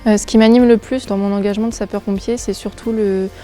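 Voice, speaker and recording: A woman's voice: mid-range voice, steady tone, fast talker, warm tone, faint music behind. A woman in her twenties, a nurse and volunteer firefighter, searching for words in an interview with many hesitations. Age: 20s. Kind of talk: interview testimony.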